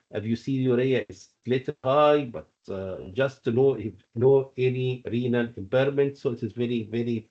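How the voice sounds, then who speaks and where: This mid-range, slightly mellow voice belongs to a male medical tutor and exam coach running an interactive online lesson on a dull call. He explains and asks questions, frequently repeating himself and making sure students follow.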